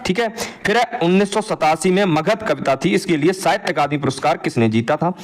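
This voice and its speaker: A man's voice: on the high side, a little fast. A man teaching an exam answer walkthrough, asking his students a question and then answering it himself.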